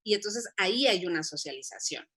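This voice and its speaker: A woman's voice: medium pitch, animated, a little fast, fairly bright tone, slightly rough. A woman, co-hosting an interview and speaking in an earnest, reflective way. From Mexico. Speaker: co-host. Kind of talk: conversational interview.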